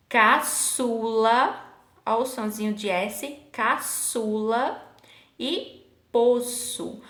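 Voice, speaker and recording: A woman teaching a Portuguese lesson, patiently asking her students questions and slowing down to sound out example words. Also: a little high, a bit bright. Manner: patient, asks the class questions, slows to spell out sample words. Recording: echoey room.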